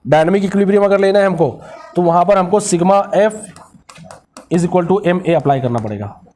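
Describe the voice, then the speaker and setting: High-voiced man teaching physics. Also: moderate pace, a little mellow, a little hiss or hum. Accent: Marathi-influenced Hindi. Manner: asks the class questions and answers them himself; mixes English technical terms into his speech. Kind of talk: classroom lecture.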